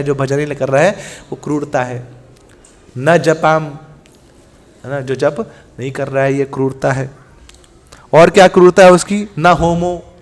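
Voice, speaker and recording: A man preaching a scripture class in Hindi, telling the story in a lively way, acting out the dialogue, asking rhetorical questions and mixing in words. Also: a little high. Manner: lively storytelling, acts out the gods' dialogue, mixes in English words; asks the audience rhetorical questions and answers them.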